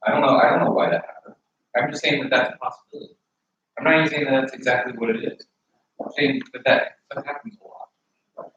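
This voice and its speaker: A man's voice: medium pitch, fairly even intonation, fast, fairly bright tone, recorded from a distance. A man rambles earnestly through a casual argument, often restarting his sentences. He sits well back from the mic in a very echoey room, and the sound is dull with faint noise underneath.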